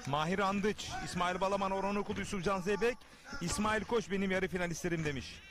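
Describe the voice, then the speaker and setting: A man's voice: sits high, quick pace. A man hosting live televised wrestling commentary, addressing viewers and reading out their messages in short, emphatic phrases. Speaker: TV sports commentator and host.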